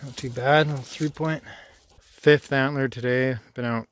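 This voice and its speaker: A man from Canada in his thirties with a medium-pitched voice. He talks like an enthusiastic outdoor vlogger, casual, slangy and folksy. He is recorded outdoors on a handheld device, with clear background noise. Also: fairly even intonation, unhurried. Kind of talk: casual vlog commentary while shed antler hunting. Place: outdoors on wooded, rocky hillsides.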